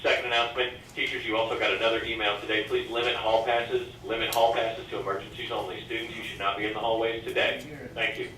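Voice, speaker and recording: A man's voice: mid-range voice, little pitch movement, fast talker, recorded from a distance, noisy background. A man reading school announcements over the intercom in a businesslike, formal way, repeating the key instructions. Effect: school intercom loudspeaker. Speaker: school staff member making announcements. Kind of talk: formal public-address announcement. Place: classroom, voice coming over the intercom. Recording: echoey loudspeaker heard from across a classroom.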